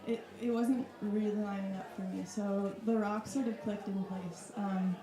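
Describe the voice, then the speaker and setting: A Wisconsin woman in her thirties, appearing as an artist guest, talks casually and reflectively about her art practice before an audience in a club room. Her medium-pitched voice is fairly even and unhurried. The room is echoey, with crowd noise audible.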